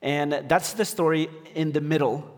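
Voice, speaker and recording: A man's voice: on the high side, steady tone, moderate pace, big-room sound. A man from Ecuador preaching as a pastor, hesitant with many fillers and restarts. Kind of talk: sermon. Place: church sanctuary.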